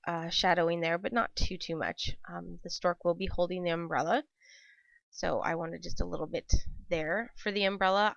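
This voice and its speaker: Nursing a cold that makes her throat dry and scratchy, this woman narrates a relaxed craft tutorial for her papercraft channel. Her pitch is fairly low and a bit bright, with no room sound in the dull, dry home recording. She wanders chattily, often saying um and correcting herself.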